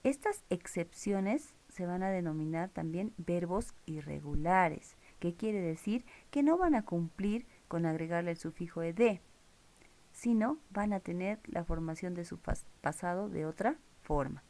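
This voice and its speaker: A woman's voice: fairly low pitch, expressive, unhurried, warm tone. A woman teaching English grammar in a recorded lesson, explaining rules step by step and checking in with her viewers. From Peru.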